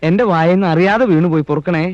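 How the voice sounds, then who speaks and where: A man's voice: on the high side, fast talker, darkish tone, dry recording, dull audio, close to an everyday voice. An actor playing a timid male servant who keeps apologizing to his landlord master. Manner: apologetic, servile.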